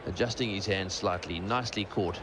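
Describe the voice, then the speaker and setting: A man's voice: low voice, fairly quick. A man giving live cricket commentary, adding his observations on the play. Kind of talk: live expert sports commentary. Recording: noisy outdoor broadcast with crowd. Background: stadium crowd.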